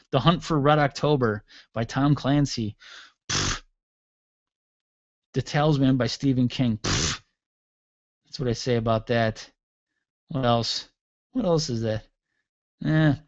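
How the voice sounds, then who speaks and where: A man's voice: mid-range voice, no room sound. Sarcastic man ranting on a lo-fi show. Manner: sarcastic, mocking. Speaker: radio show host. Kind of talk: comedic solo rant.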